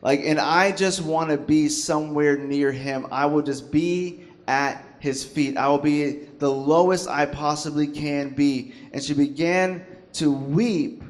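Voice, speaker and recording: A man preaching a sermon in a church, talking in an animated, conversational and joking way as he acts out quotes. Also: a little high, unhurried. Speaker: pastor.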